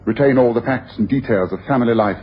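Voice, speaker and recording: An actor playing Sherlock Holmes as a self-assured, incisive and domineering detective in a radio drama. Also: male voice, mid-range voice, fast, natural voice. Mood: triumphant, incisive. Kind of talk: 1980s radio drama acting. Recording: dull, noisy old radio broadcast.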